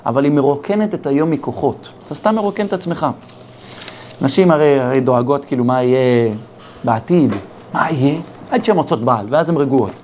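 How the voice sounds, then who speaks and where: Israeli rabbi giving a sermon, tells parables, acts out the voices, bit of hiss in the background. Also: male voice, mid-range voice. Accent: Israeli Hebrew. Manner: animated storyteller acting out dialogue.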